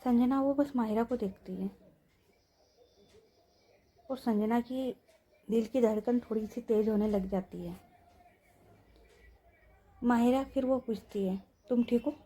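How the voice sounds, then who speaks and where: Husky, mellow young woman storyteller. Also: on the high side, takes it slowly, pauses often. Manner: chatty, talks to listeners with asides. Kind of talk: casual story narration.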